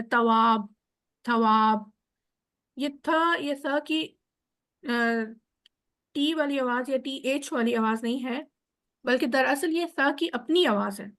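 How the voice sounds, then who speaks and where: A woman giving an online lesson on Arabic letter sounds, explaining patiently step by step over a video call. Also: high-pitched. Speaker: Quran teacher.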